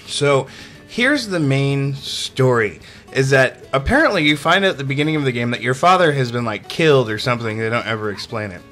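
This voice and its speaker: A man's voice: mid-range voice, expressive, a little fast, fairly bright tone, soft background music. A man giving a casual, sarcastic video game review voice-over, chatty and amused, often breaking into laughter. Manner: sarcastic, chatty with many fillers.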